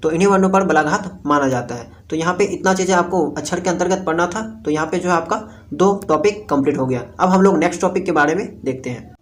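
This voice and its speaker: A man's voice: on the high side, fast. A man with a Jharkhand Hindi accent teaching Hindi grammar for an entrance exam. He explains steadily and keeps checking in with the students. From India. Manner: repeats "thik hai" and "jo hai" while explaining, checks with listeners often.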